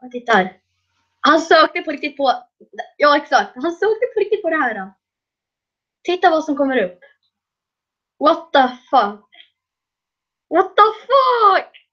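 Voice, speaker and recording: A woman doing casual gaming commentary, excitable and prone to loud shrieking laughter. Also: high voice, long pauses, muffled recording. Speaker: gaming video creator.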